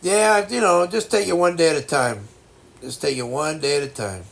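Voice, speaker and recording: Male streamer, 60s: stuffed-up nose, crackly voice pitched a bit high, halting casual chat. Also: vocal fry. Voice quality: congested, blocked-nose sound. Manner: halting, reflective, folksy reassurance. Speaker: livestream host chatting with viewers.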